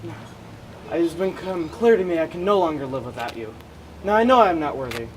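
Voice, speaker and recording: A man playing a vain, wealthy young gentleman suitor in a stage comedy, speaking in a pompous, self-satisfied way. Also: a little high, lively intonation, normal speed, close to an everyday voice. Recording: noisy stage recording, distant microphone.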